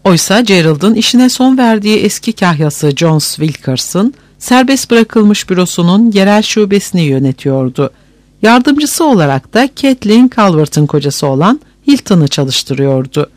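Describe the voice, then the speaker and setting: A man narrating an audiobook in an expressive, measured storytelling manner on a close studio mic. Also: sits high, dry recording.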